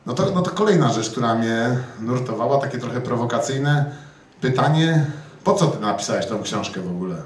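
A man's voice: mid-range voice, animated, fairly quick. A man hosting a live literary evening and putting questions to a guest. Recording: echoey room, distant microphone, faint noise.

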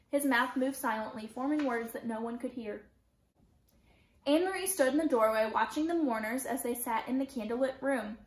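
A woman teacher reads a novel aloud, keeping a steady, gentle storytelling pace. Her voice sits a little high. The recording has a roomy echo.

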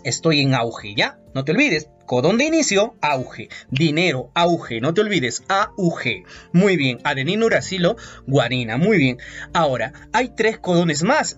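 Lively, playful male biology teacher. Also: a little high, breathy edge. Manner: lively, playful, asks students questions. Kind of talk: animated lecture with mnemonics. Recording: muffled audio with faint music.

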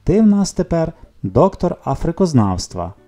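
A man's voice: on the high side, very animated, moderate pace, pitched above the performer's own voice. A man voicing a playful father who teases his son fondly. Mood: teasing. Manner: teasing, fond. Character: warm, playful father back from travels. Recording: soft music behind the reading.

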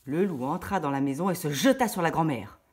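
A woman reading a children's story aloud in a lively, expressive way. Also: low-pitched, brisk, husky.

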